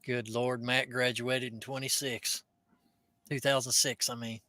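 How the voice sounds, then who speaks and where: A man's voice: mid-range voice, level tone, measured pace, sharp tone, no echo. A man hosting a casual podcast, reading viewer comments aloud and joking with his guests. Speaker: podcast host.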